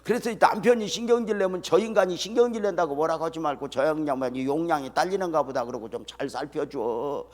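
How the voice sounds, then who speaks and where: An older man, a retired pastor, preaching an early-morning sermon in a folksy storytelling way that swings from soft to loud. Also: fairly high pitch, fairly quick, few pauses, long reverb tail. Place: church sanctuary.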